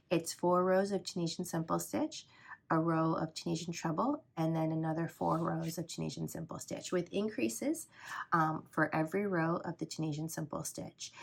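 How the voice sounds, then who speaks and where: A crochet teacher with a low, gravelly, husky voice, congested from a cold, walks through a craft tutorial step by step. She explains calmly and steadily in a patient, instructional tone, at times dropping to a soft near-whisper.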